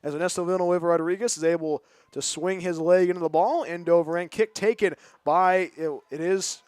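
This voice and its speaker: High-voiced play-by-play man, dry mic. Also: clear, resonant tone, no room sound. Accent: Californian. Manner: fast, chatty, excitable call. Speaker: play-by-play announcer. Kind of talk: play-by-play commentary.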